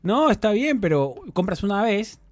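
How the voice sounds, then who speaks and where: Teasing man co-host, fairly high voice. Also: big pitch swings, moderate pace, dry recording. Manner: teasing, quizzing interjections. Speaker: podcast co-host. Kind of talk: casual chat.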